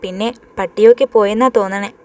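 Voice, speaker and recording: A woman's voice: medium pitch, fairly even intonation, a little fast, darkish tone, lightly acted. Entrick, woman voicing a teasing young man. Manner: teasing, playful.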